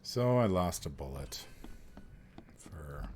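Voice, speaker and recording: A man with a low voice talks casually while playing a video game. He comments as he goes, with music clearly heard behind him. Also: lively intonation, slow pace, a little mellow. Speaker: gamer.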